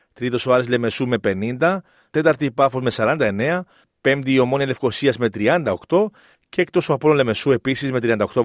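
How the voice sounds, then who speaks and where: A man's voice: medium pitch, no room sound, clean studio sound. A man reading a scripted sports results bulletin as a news presenter.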